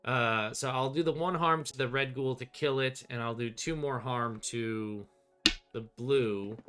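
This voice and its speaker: Over loud music, a middle-aged man with a medium-pitched voice talks a little slowly as he plays a solo tabletop game. His commentary is casual and wry, thinking aloud as he goes, in a small indoor room lined with bookshelves.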